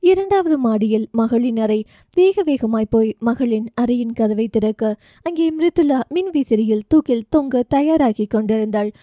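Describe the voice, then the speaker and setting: A woman's voice: fairly high pitch, expressive, normal speed, warm tone, no echo, clean studio sound. A woman with a Tamil accent reading a romance audio novel aloud, with emotive storytelling.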